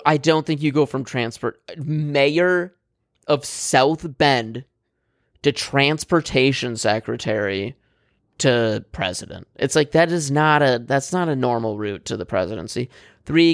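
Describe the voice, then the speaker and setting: Man, gravelly voice, dry close sound, blunt, swears a lot, casual political chat, rambling. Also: medium pitch, a little slow, no echo. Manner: blunt, opinionated, swears freely; rambling with fillers and restarts.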